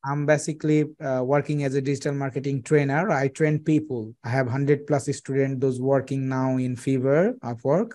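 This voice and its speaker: Over a headset on a video call, a Bangladeshi freelance digital marketer pitches his services to a client from a small indoor room. His tone is warm, but his delivery is halting, full of fillers and restarts.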